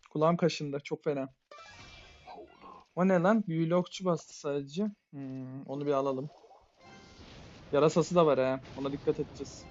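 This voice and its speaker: A man's voice: mid-range voice, muffled recording. A man giving a live, muttered running play-by-play while he plays a game, often exasperated. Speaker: game streamer. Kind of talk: live gameplay commentary.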